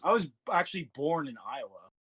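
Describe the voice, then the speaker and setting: A man's voice: on the high side, very animated, brisk, sharp tone, husky. A man in his twenties from California, chatting casually as a podcast guest, laughing often and full of fillers. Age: 20s. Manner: laid-back, laughing often, lots of fillers. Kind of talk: casual chat.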